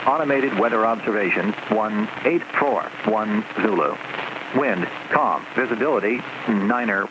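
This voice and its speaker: A machine-made male voice reading an automated airport weather broadcast, measured and digit by digit. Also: on the low side. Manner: measured, reads figures digit by digit with set pauses. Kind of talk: automated aviation weather report. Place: heard inside a small aircraft in flight. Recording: loud engine drone behind the broadcast. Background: aircraft engine noise.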